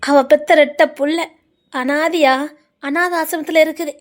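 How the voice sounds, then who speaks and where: A woman's voice: high voice, fairly even intonation, a little slow. An actress with a Tirunelveli Tamil accent playing a bitter village woman who curses and accuses. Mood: grieving bitter. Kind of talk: dramatic serial acting.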